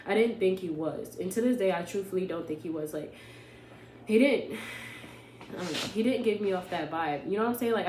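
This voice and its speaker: A woman's voice: lowish voice, a little mellow. A young woman casually telling a personal story to her vlog audience, sarcastic and full of "like" and "you know what I'm saying". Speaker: vlogger. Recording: roomy echo with faint hum.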